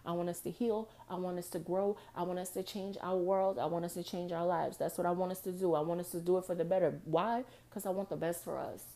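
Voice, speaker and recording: A woman's voice: lowish voice, steady tone, fast, hardly any pauses, dark tone. A young woman hosting her own podcast, venting frustrations in a passionate, profane monologue that runs emotional and close to tears. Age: young adult. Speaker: podcast host.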